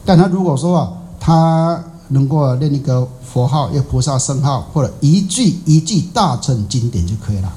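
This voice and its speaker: A man's voice: medium pitch, expressive, normal speed, few pauses, dark tone, low-quality recording. A middle-aged man, a Buddhist monk, giving a casual dharma talk full of stories, rhetorical questions and repeated fillers. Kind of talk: colloquial dharma talk with anecdote.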